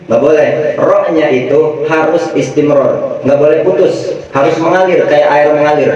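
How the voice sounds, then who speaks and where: A man teaching Quran recitation, explaining slowly and chanting the examples again and again. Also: medium pitch, darkish tone. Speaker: Islamic religious teacher. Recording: echoey, distant, dull-sounding room mic.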